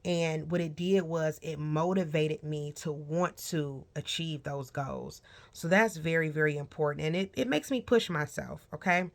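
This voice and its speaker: A woman's voice: sits low, measured pace, creaky, poor audio. A woman in her forties talking casually to camera as a small business owner, frank and encouraging, often checking in with "okay?" and "right?". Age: 40s. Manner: frank and encouraging, talks straight to the viewer.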